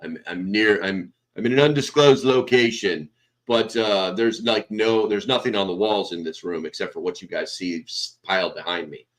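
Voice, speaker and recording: Speaking at a moderate pace in a deep voice, an American man hosts a casual stream from a sparse room. He reads names from the chat and rambles, using a small desk microphone.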